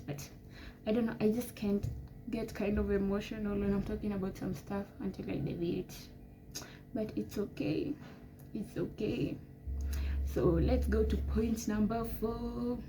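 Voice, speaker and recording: Rambling young woman, noisy background. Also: medium pitch. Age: 20s. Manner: rambling, emphatic, pep-talk tone. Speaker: vlogger giving advice. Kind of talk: casual advice talk to camera.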